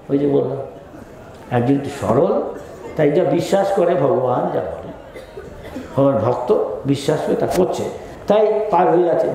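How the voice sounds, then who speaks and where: A man preaches to a festival crowd, his voice high and full of swoops as he tells stories at an unhurried pace. The sound bounces around a huge hall, with a crowd murmuring beneath it. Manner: storytelling, animated, leads the crowd in chanting. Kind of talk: devotional sermon in mixed Bengali and English.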